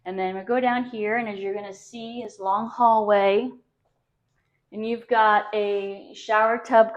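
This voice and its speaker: A woman with a mid-range voice works as a real estate agent, talking on the move through a house. She gushes in a chatty, casual sales manner, as in a walk-through video. The recording is slightly muffled and low in fidelity. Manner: gushing, chatty sales talk. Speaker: real estate agent giving a home tour. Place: indoors, walking through a house. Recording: dull, lo-fi sound.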